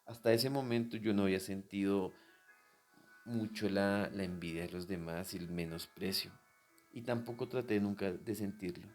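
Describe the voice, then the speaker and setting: A man preaching a sermon, telling his own story straight to the listener, dropping to a hush and then rising to loud, emphatic peaks. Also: deep voice. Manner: personal testimony addressed directly to the listener.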